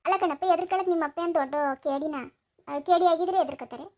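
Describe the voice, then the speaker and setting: Young woman vlogger, high voice, chatty village tour. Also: fast talker, dark tone. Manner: chatty, addressing viewers as friends. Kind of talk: comic village vlog.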